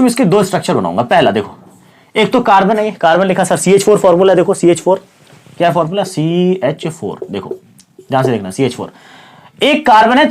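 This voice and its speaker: A male science teacher with a high-sitting voice, sore and slightly hoarse, gives a classroom-style chemistry lesson. He poses questions to students and answers them himself, repeating key words and calling his listeners "kids" and "brother".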